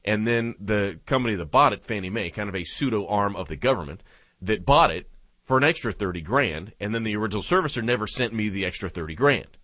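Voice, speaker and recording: A man's voice: on the low side, lively intonation, fast, a bit bright, no room sound. A man hosting a talk radio show, speaking off the cuff with hesitations and phrases that trail off. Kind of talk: unscripted talk radio monologue.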